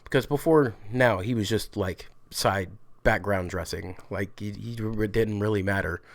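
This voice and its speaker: A man's voice: fairly low pitch, normal speed, no echo. A man who is sick, ranting bluntly and casually about a show as a vlog host, swearing freely. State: sick, rough voice. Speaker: vlogger host.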